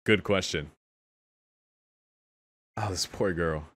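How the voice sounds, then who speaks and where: A man's voice: low-pitched, takes it slowly, fairly bright tone, breathy edge, no echo. A young man hosting a casual anime reaction, exclaiming candidly, often laughing and swearing. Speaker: anime reaction channel host.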